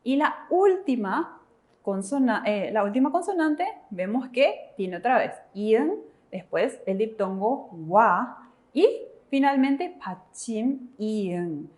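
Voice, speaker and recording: A woman's voice: on the high side, big pitch swings, slow pace, a little mellow. A woman with a Paraguayan Spanish accent, co-teaching a Korean pronunciation lesson in Spanish. She explains sounds step by step and affirms her partner with encouraging murmurs. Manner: encouraging, answers with "ujú". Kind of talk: classroom explanation.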